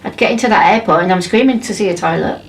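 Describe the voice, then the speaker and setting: A woman's voice: fairly low pitch, fast talker. A woman in her fifties from England, telling her story bluntly and emphatically in a documentary interview. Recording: distant mic with faint background ambience.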